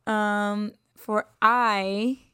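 A Puerto Rican woman in her twenties, a podcast host, casually introduces herself in a mid-range voice with fairly even intonation, speaking very slowly. Her tone is pushed, bright and smooth, recorded at studio quality with no room sound. She's upbeat, laughs a lot, and sometimes drops into a whisper.

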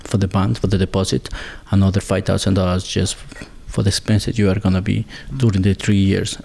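An Ecuadorian man, a builder and former chef, is a guest in a conversational interview, speaking halting second-language English and searching for words. His voice is gravelly and low, with a flat delivery and darkish tone.

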